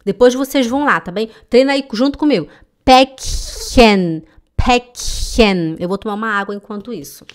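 A Brazilian woman with a Brazilian Portuguese accent teaching German in a live online lesson, sounding out words slowly and repeating them for her students. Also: fairly high pitch, expressive. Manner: slow, exaggerated demonstration of German sounds; addresses students directly, repeating words for practice.

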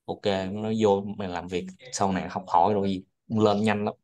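A man's voice: lowish voice, little pitch movement, normal speed, a little mellow. A man hosting a study group, chatting casually and rambling, often repeating his words.

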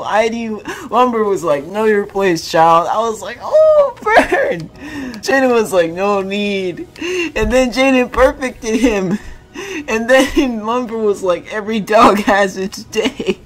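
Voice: mid-range voice, a little slow. A young adult gaming streamer reading chat messages aloud in casual, slangy commentary, often breaking into laughter.

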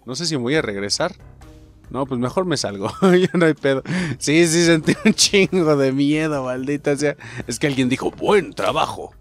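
A young man with a Mexican Spanish accent, commenting on his own gameplay with excitable, profane jokes aimed at his viewers. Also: fairly high pitch, normal speed, faint music behind. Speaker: gaming channel host.

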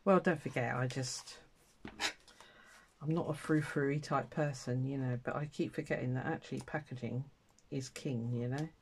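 A steady, slightly mellow bass voice at normal speed belongs to an older English craft-channel host who has a cold and a blocked nose. She's packing sewing kits at an indoor table, filmed overhead with only her hands in frame, and chats to viewers in a self-deprecating way as she works. There's slight background noise.

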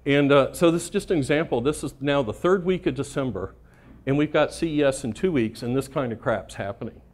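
A man's voice: mid-range voice, a little fast. Middle-aged man telling profane war stories. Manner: casual, profane, laughs at his own stories, keeps tagging "right?". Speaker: conference speaker. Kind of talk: storytelling talk to a live audience.

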